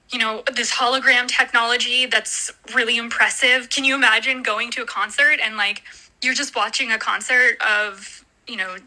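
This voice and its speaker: A woman's voice: fairly high pitch, pushed and bright, low-quality recording. A woman co-hosting a casual group voice chat, enthusiastic and full of "you know" fillers. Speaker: co-host.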